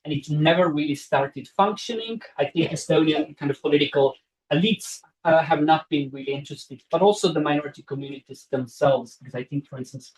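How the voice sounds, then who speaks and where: A man's voice: on the high side, fairly quick, low-quality recording. Hesitant man answering seminar questions. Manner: hesitant, many uh fillers and restarts. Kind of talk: academic Q&A answer.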